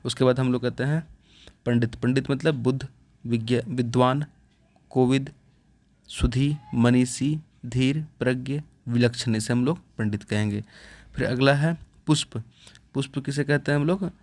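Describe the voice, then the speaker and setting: A man gives a lesson, reading out a list of words and pausing after each one. His voice sits in a middle range for a man. The recording is dry and close, with no room echo. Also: medium pitch. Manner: steady listing, pausing after each word. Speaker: teacher.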